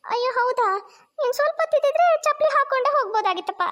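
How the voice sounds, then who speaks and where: A woman's voice: very high voice, expressive, fast, fairly bright tone, pitched above the performer's own voice. A woman voicing a carefree young daughter-in-law in a cartoon, breezy and defensive. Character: carefree young daughter-in-law who takes others' slippers.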